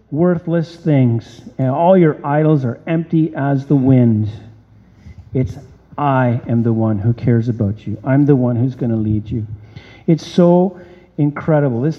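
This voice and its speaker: A man preaching a sermon, reading scripture aloud and firing off rhetorical questions with animated emphasis. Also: medium pitch, moderate pace. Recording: dull lo-fi sound with long hall reverb.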